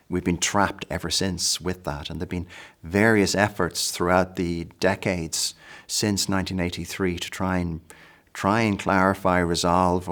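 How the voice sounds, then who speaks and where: A man's voice: low voice, fairly bright tone. A man giving earnest commentary in an interview, repeating words as he builds his point.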